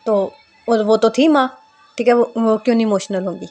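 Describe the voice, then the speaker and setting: A woman's voice: a little high, moderate pace, darkish tone, soft background music. A woman narrating a love story casually, often checking in with the listener. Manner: chatty, keeps checking in with the listener.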